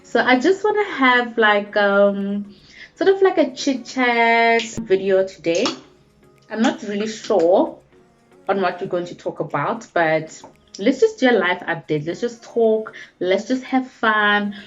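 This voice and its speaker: A woman's voice: mid-range voice, expressive, measured pace, lo-fi sound, faint music behind. A South African woman chatting casually to camera at home at night during a mukbang, calling her viewers pet names. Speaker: YouTuber.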